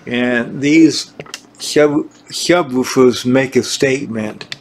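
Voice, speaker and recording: A hobbyist shows off his own gear in a casual tour, narrating while he films inside his home recording room, speaking slowly and haltingly in fragments at a medium pitch. His camera sits on a tripod some distance away, so the sound is roomy, echoey, and distant, with a faint hiss.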